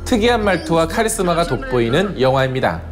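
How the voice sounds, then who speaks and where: Male movie-recap narrator, fairly high voice, expressive scripted storytelling, music behind. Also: quick pace. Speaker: film review narrator. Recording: clear background music under voice-over.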